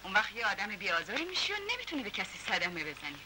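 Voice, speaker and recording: A woman's voice: medium pitch, big pitch swings, lightly acted. An actress playing a sly, taunting female gang member in a dubbed 1960s film. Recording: hissy old film soundtrack.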